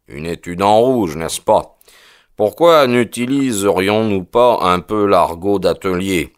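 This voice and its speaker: A man voicing a brilliant, impatient detective with a crisp and commanding way of speaking, in an audiobook. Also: lowish voice, no room sound, clean studio sound, natural voice. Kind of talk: audiobook character voice.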